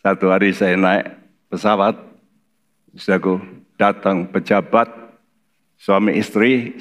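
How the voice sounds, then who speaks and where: An older man with a Javanese accent preaching a sermon in church, telling folksy stories and acting out the voices in them. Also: low voice. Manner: folksy storytelling, acts out voices in his stories. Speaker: pastor.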